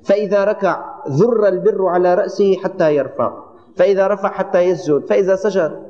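A man delivers a sermon in a high voice, pressing his listeners with rhetorical questions and repeated refrains. The recording is dull and lo-fi, and a long hall reverb trails each phrase. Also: steady tone, a little fast, mellow. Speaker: preacher.

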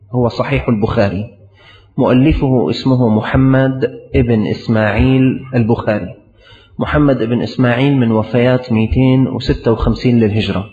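Preacher in an echoing hall. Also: male voice, medium pitch, a little mellow. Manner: storytelling, repetitive emphatic phrasing. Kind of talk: sermon. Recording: hall reverb, dull lo-fi sound.

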